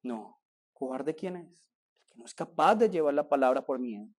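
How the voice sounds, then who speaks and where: A man's voice: mid-range voice, lively intonation, normal speed, a little mellow. A man preaching a sermon as pastor, asking rhetorical questions and pressing his points with rising emphasis.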